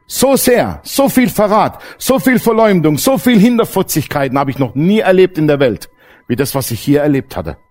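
A man preaching a sermon, blunt and earthy, swinging between loud emphatic outbursts and hushed low passages. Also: very animated, normal speed. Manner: blunt, earthy everyday language. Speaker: pastor.

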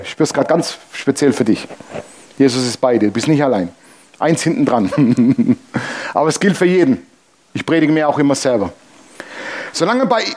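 Male pastor mid-sermon, fervent and wry, addresses the congregation directly, a bit high-pitched. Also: a little mellow. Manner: fervent, joking, speaks straight to listeners.

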